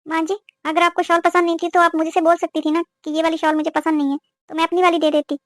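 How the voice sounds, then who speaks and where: A woman's voice: very high voice, little pitch movement, fast talker, no room sound, clean studio sound. Woman voicing an earnest young daughter-in-law. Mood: pleading. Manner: pleading, polite but firm. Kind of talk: cartoon voice acting.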